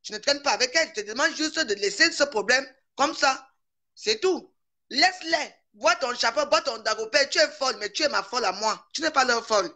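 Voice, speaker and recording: A woman on a live stream call, firmly and calmly advising the host to let things go. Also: high-pitched, fairly quick. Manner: firm, calming, advising. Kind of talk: casual advice on a live call.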